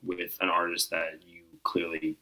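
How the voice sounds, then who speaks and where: A man co-hosting a casual music review show, speaking in a laid-back way with frequent pauses and fillers. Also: low voice, monotone, sharp tone, low-quality recording. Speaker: co-host of album review show.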